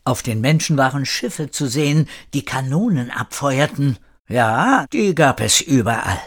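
A man reading a children's story aloud in a calm, measured way. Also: mid-range voice. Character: old parrot narrator recalling the past. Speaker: narrator.

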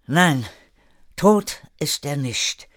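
A man's voice: fairly high pitch, expressive, very slow, a bit bright, no echo, studio quality, pitched above the performer's own voice, heavily acted. An older man voicing a mysterious woman who speaks in a solemn, warning tone, his voice raised well above his own.

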